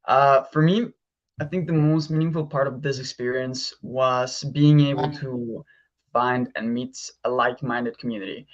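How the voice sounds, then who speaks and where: A man's voice: mid-range voice, steady tone, moderate pace. Young male youth delegate, earnest, filler-prone, muffled video call. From Mexico. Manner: earnest, frequent ums. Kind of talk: online presentation.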